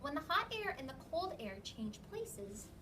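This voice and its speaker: A high-voiced elementary teacher, heard through a distant mic over classroom chatter, reads aloud to small children with big swings in pitch at a moderate pace. Her style is instructive, and she keeps asking questions and saying "okay" to check comprehension.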